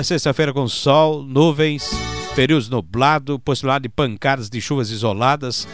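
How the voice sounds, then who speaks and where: A man with a southern Brazilian accent hosting a regional radio bulletin, reading announcements and promotions and chatting directly to listeners. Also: on the high side. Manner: chatty, addresses listeners directly with tag questions. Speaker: radio host. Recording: radio broadcast over accordion music. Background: accordion music.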